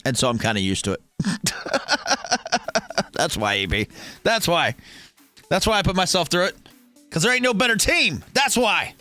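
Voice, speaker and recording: A man's voice: sits high, sing-song, a little slow, pauses often, sharp tone, no room sound, soft background music. A man in his thirties hosting a casual sports watch-along livestream, bantering and swearing as he answers viewer comments. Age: 30s. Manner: profane, joking banter with chat. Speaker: livestream host.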